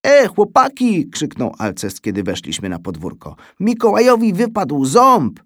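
A man voicing an excitable schoolboy friend in a storybook reading. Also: fairly low pitch, normal speed, breathy edge, no echo, clean studio sound. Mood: excited. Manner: shouting eagerly.

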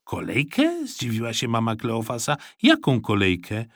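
A man's voice: fairly low pitch, very animated, a little slow, no room sound, clean studio sound, exaggerated voice. A man voicing an impatient, flustered mother who scolds her son. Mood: puzzled. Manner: sharp, scolding.

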